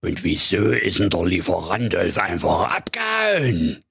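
A man voicing a fearsome, gluttonous dragon in a storybook tale, slow and relishing. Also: low-pitched, big pitch swings, fairly bright tone, no room sound, studio quality, heavily acted. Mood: smug. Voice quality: gravelly rasping.

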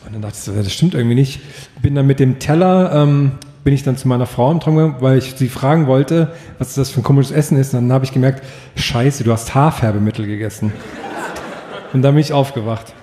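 A man's voice: medium pitch, fast, hardly any pauses, dark tone, roomy sound, in a large hall. A man in a casual chat, telling rambling stories and laughing often. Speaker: podcast co-host.

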